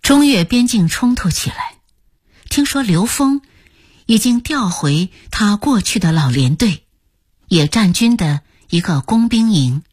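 Woman audiobook narrator, unhurried, husky and airy, lively pitch, close dry recording. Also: no room sound. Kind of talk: scripted novel narration.

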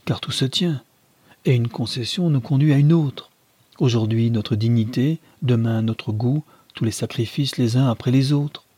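A man's voice: medium pitch, moderate pace, mellow, slightly rough, dry recording, close to an everyday voice. A man voicing an indignant, lecturing middle-aged mother. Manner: emphatic, lecturing, rhetorical questions.

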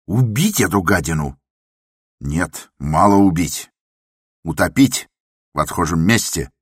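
Man voicing raging paranoid asylum patient, loud, bitter, accusing, very deep, audiobook. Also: measured pace, husky, no echo, studio quality, full character voice. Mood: furious. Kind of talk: audiobook character voice.

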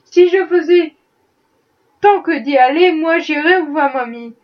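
A woman reading a novel aloud, voicing an ironic wealthy gentleman who is a worldly skeptic, with a dry, mocking manner. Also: high-pitched, a little slow, recorded from a distance, muffled recording. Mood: wry. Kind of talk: audiobook reading.

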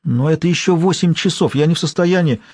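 A man's voice: a little high, brisk, a little mellow, husky, no echo, voice pushed up. A man reading an audiobook, voicing an exhausted, anxious young woman journalist. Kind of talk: audiobook character voice. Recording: dry studio sound.

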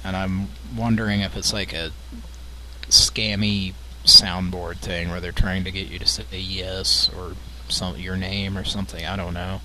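A man's voice: low-pitched, level tone, a little slow, pushed and bright, slight background noise. A man co-hosting a late-night stream, making prank phone calls in a mild, polite, persistent way. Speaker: prank caller and co-host.

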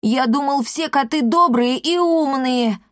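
A woman's voice: a little high, normal speed, no room sound, clean studio sound, close to an everyday voice. Woman doing a timid plump young man. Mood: anxious.

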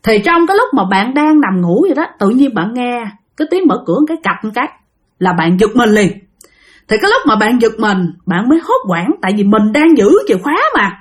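A woman with a Southern Vietnamese accent tells a spooky story in a chatty, conversational way. She speaks straight to her listeners. Her voice sits fairly high and swings widely up and down. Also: sing-song, a little fast. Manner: chatty, addresses listeners directly, acts out quotes. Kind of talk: spoken ghost story narration.

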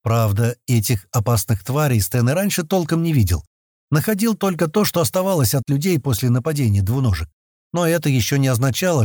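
A male narrator reads a story in a husky, mellow voice that moves lively up and down. The sound is dry and close, taken on a studio mic with no room around it. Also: medium pitch, no echo. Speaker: audiobook narrator. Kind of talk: scripted narration.

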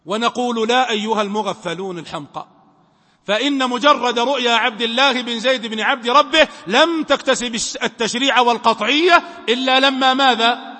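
A man's voice: very high-pitched, a little fast, bright, forceful tone. A man teaching a religious lesson as a sheikh. He speaks emphatically, posing questions to his students and answering them himself. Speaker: sheikh teaching Islamic law. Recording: long reverb from a hall.

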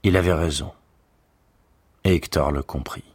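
A man reading a literary narration in a measured, solemn way. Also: extremely low pitch, steady tone, breathy edge.

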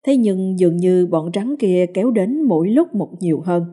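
A woman reading a ghost story in a steady, dramatic storytelling manner. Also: fairly low pitch, normal speed, slightly rough. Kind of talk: scripted ghost story narration. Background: soft music.

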